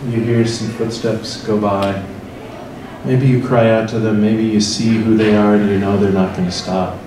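In an echoey hall, a man with an American Midwest accent and a fairly low, level voice tells a story slowly and reflectively in the second person. He's a priest leading a church forum with guided meditation and interactive discussion among tables of people. The handheld mic is distant, filmed from far across the room, so room noise and echo come through.

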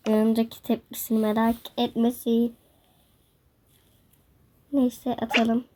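A woman's voice: a little high, level tone, slow pace, noisy background. A woman vlogging casually, talking to her viewers as friends and often dropping into whispered asides. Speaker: prank vlogger.

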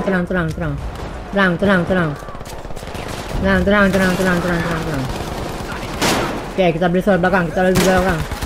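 A high-voiced man with talks over a shooter match, barking the same order again and again and griping at his own team. Loud gunfire and explosions from the game fill the background. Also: noisy background. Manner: shouts repeated commands and curses at teammates in frustration. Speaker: gaming YouTuber. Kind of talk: casual gameplay commentary.

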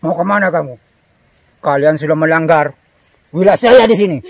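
A man playing a menacing forest villain guarding his territory in an amateur drama, commanding and theatrical, with a husky voice. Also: a little high, moderate pace, no room sound. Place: outdoors in a misty forest.

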